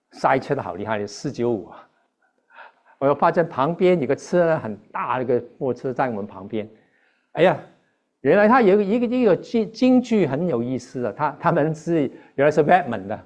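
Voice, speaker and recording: A man preaching to a congregation. His voice sits at an ordinary male pitch, and he speaks earnestly, halting and restarting as he goes and slipping English terms into his sentences. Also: a little mellow, muffled recording. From Hong Kong. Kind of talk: sermon with personal testimony.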